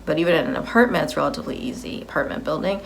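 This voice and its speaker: A woman's voice: low-pitched, expressive, racing, creaky, slight background noise. A woman in her fifties giving a personal video update, rambling as she repeats and corrects herself. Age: 50s.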